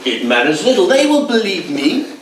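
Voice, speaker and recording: A man's voice: high-pitched, wildly swooping pitch, moderate pace. A man playing a scheming con man who puts on a French accent, performed in an amateur stage play. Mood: smooth blackmail. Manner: put-on French accent, then plain English when alone with his accomplice. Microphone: distant room mic. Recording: echoey stage from far off, noisy.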